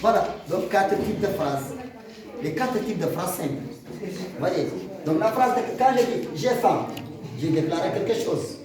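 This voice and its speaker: Male teacher, high voice, quizzing the class with examples; recorded from far off in an echoey room with a crowd behind. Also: animated, a little slow. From Mauritania. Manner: explains with examples, asks the class questions. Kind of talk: classroom grammar lesson.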